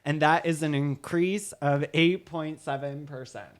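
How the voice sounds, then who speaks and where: Woman, low voice, podcast co-host, slow deliberate countdown. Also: steady tone. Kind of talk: reading market figures in a podcast.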